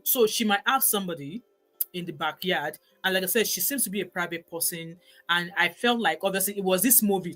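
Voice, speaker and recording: A woman's voice: medium pitch, bright, forceful tone. A Nigerian woman in her forties hosting a casual live stream, reading viewer comments in an emphatic, chatty way and dropping in pidgin words. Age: 40s.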